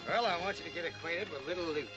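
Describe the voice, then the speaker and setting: An actor playing a big, humble middle-aged cowboy in a 1940s Western film, folksy and halting, with an American Western accent. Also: male voice, fairly high pitch, dull audio, close to an everyday voice. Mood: gentle, bashful. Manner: folksy, plain-spoken, halting. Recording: old film soundtrack with music.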